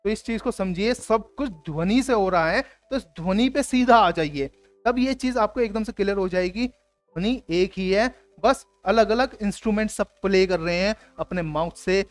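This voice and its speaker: A man explaining spiritual ideas to his viewers in an earnest, reflective monologue. He often checks that they are following and mixes in English phrases. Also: high-pitched.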